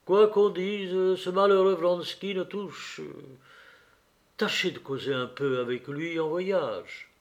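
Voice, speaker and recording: A man voicing an older society princess who speaks in a knowing, animated way in a read novel. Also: sits high, slow, voice pushed up. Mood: gossipy.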